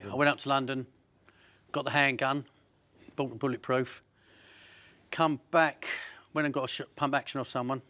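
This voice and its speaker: A man's voice: mid-range voice, fairly even intonation, moderate pace, long pauses, pushed and bright, no room sound. A man telling his story in a documentary interview, bluntly and with swearing. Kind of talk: documentary interview recounting events.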